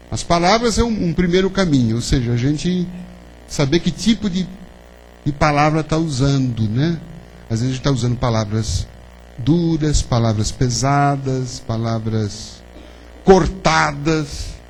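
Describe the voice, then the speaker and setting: A man's voice: a little high, lively intonation, measured pace, poor audio. Man giving a chatty spiritist talk. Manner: conversational, asks the audience questions, many tag "né?". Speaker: spiritist lecturer. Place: lecture hall of a spiritist center. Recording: faint hum behind the talk.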